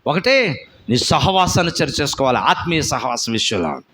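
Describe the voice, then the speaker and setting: A male pastor giving a fervent sermon. He swings between loud shouted climaxes and quiet low asides, repeats phrases, and puts questions to the congregation. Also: sing-song, moderate pace.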